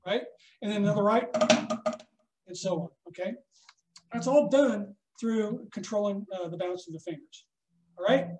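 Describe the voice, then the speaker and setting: A man teaching a snare drum masterclass, coaching a student hands-on and checking in often with a quick "okay?". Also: sits high, background noise. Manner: instructive, checks in with frequent "okay?". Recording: echoey room.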